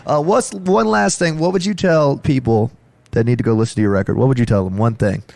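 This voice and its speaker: A man hosting a podcast in casual chat, upbeat, with quick interjections. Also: medium pitch, vocal fry, a little mellow. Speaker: podcast host.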